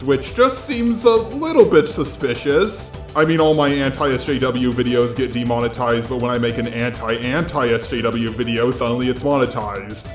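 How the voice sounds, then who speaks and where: A video commentator reads scripted opinion commentary in a nasally, middling-pitched voice. The audio is roomy, captured on a gaming headset, with music underneath.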